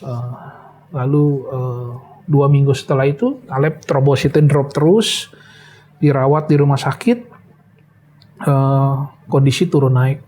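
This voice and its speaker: A man's voice: medium pitch, steady tone, warm tone, a little hiss or hum. Hesitant man telling a personal story. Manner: hesitant, many pauses and fillers. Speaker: interview guest, bereaved father. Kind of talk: emotional personal testimony.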